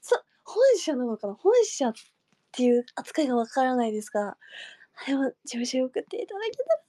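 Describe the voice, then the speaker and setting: A young woman chatting casually with fans on a livestream, giggling and dropping into soft murmurs and whispers. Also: high-pitched, very animated, fairly quick, dry recording, clean studio sound. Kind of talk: casual chat.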